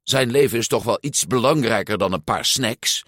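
A man's voice: medium pitch, animated, moderate pace, a bit bright, dry recording, clean studio sound. A man reading a storybook aloud, voicing a stern, worried mother who speaks reproachfully.

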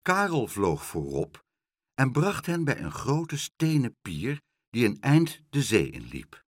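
A man reading a children's storybook aloud in a very expressive, sing-song way. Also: mid-range voice, takes it slowly, no echo, clean studio sound. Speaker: narrator.

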